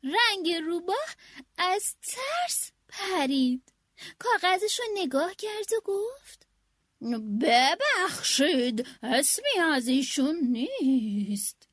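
A woman reading a children's animal story aloud in an animated storyteller manner. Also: very high voice, dry recording, clean studio sound. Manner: animated, does all the animal voices.

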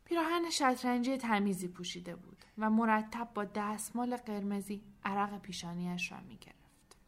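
A woman narrating a storybook, soft and at times nearly whispering. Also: mid-range voice. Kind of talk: storybook reading.

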